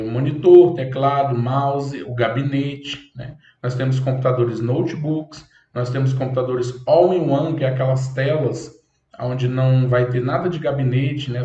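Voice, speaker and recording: A man with a slightly high, darkish voice gives a classroom lecture for a computer course, explaining step by step and often checking in with "ok?" The recording is echoey, dull, and lo-fi.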